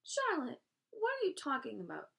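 A woman reading aloud, voicing a desperate young male pig who pleads in a high voice near tears. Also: normal speed, creaky, far from the mic. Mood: shocked.

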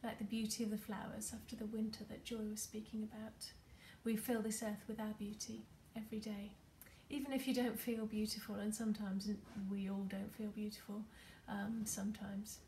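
Woman, meditation leader: soft, unhurried, slightly gravelly voice, level delivery, faint background noise. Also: medium pitch, little pitch movement. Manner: soft, gentle, many fillers; often drops to a near whisper. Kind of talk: guided craft meditation. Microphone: computer or phone camera.

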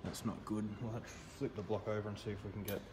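A young man, a mechanic casually walking through his engine work in a plain-spoken, relaxed way with trailing phrases, recorded by a camera across a large indoor workshop. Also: fairly low pitch, fast talker. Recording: echoey workshop with clear background noise.

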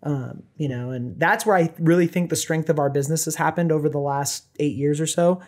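His voice sits fairly high and moves fairly quickly: a Southern California founder in his thirties, guesting on a podcast for a relaxed interview. Animated and gesturing a lot, he sprinkles in "you know" and "right," speaking into a boom-mounted desk mic in a small studio with bookshelves.

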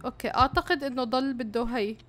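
A woman's voice: high-pitched, fairly even intonation, fast talker, fairly bright tone, slight background noise. A young woman with a Levantine Arabic accent, playing a horror game as a YouTuber and reacting jumpily, often shrieking and repeating words when scared. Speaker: gaming YouTuber. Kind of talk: let's-play commentary.

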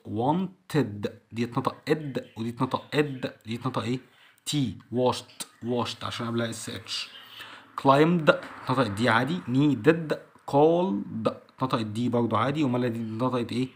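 A man with an Egyptian Arabic accent, teaching a school English lesson and drilling each word by repeating it slowly. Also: medium pitch, slight background noise.

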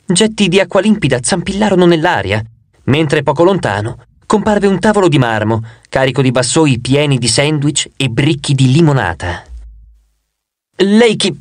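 A man narrating a fantasy audiobook in an expressive, vivid storytelling manner. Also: a little high, normal speed, no echo. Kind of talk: scripted narration.

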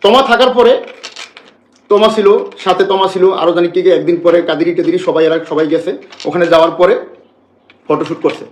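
Agitated, high-voiced man, fast. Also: steady tone, reverberant, slight background noise. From Bangladesh. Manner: agitated, repetitive, rambling. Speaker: live-stream speaker. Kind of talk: emotional live-stream complaint.

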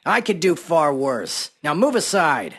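A man's voice: a little high, very animated, unhurried, a bit bright, husky, heavily acted. A man voicing a menacing, taunting carbon dioxide cloud, a gloating cartoon villain. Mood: threatening. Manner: gloating, threatening. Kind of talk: cartoon character acting.

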